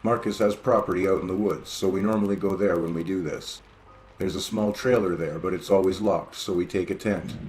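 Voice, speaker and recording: A man reading horror stories aloud in a steady, even narration. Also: low-pitched, brisk, a little hiss or hum, rough recording. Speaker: story reader. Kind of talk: scripted horror story narration.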